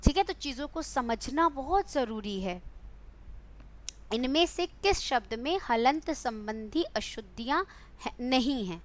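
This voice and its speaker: A woman's voice: high-pitched, expressive, unhurried. A young adult woman teaching Hindi in an online exam-prep class, quizzing her students, coaxing them and calling them beta.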